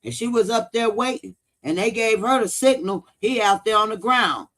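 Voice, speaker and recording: Blunt and profane, a true-crime livestream host keeps things casual, repeating points for emphasis and often responding to viewers mid-thought. He sounds high-pitched, pushed and bright, speaking at a moderate pace.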